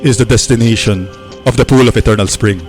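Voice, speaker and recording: A man voicing a wise old forest-dwelling elf elder who speaks in a measured, solemn way. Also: medium pitch, a little mellow, faint music behind, close to an everyday voice.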